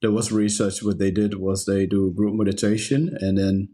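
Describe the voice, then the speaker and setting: Dutch guy, kinda low voice, earnest breathwork talk, stops and restarts a lot. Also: little pitch movement, moderate pace, mellow. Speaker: guest, breathwork instructor. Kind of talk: casual podcast conversation.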